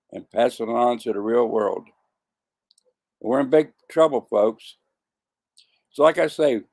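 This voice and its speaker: A man's voice: mid-range voice, gravelly, darkish tone. A man in his seventies talking to camera in a casual monologue, often stumbling, repeating words and correcting himself. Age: 70s. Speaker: vlogger.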